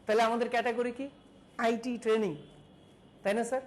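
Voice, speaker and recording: A woman's voice: on the high side, little pitch movement, fast. A woman teaching a digital marketing class, questioning students one by one and repeating key terms. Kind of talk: classroom lecture.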